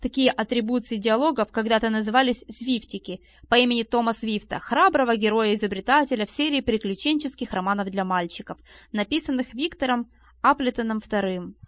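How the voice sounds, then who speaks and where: Female audiobook narrator, expressive delivery; muffled, dry, lo-fi recording. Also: a little high, a little fast, no room sound. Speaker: audiobook reader. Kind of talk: audiobook narration of a nonfiction book. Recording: dull, lo-fi and dry.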